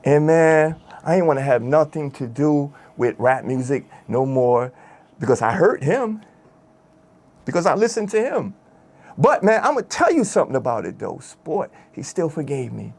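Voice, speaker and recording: Man, candid interview storyteller; raspy, gravelly, lively pitch, emotional street-slang delivery. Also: normal speed. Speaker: former rap group member telling his story.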